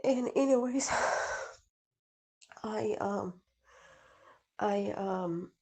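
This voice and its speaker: A woman with a gravelly, creaky voice and a mellow, dark tone recounts her story. She talks in a casual, hesitant way with many restarts. Her delivery is earnest and pleading throughout. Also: medium pitch, drawn-out words. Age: adult, mother of two. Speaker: caller seeking spiritual advice. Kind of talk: personal account, casual.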